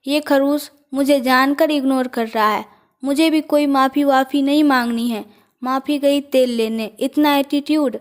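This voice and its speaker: A woman's voice: sits high, steady tone, measured pace. A woman voicing a flustered young office worker. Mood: annoyed.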